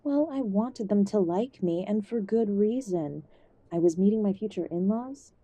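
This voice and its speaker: A woman voices a sick, doting older mother for an audio drama, speaking at medium pitch and a moderate pace in a soft, mellow voice close to how she'd normally talk. It's miked close and dry, with no room sound. Gentle and fussy, full of endearments, old-fashioned and stubbornly hopeful, her mood is gracious and a touch coy.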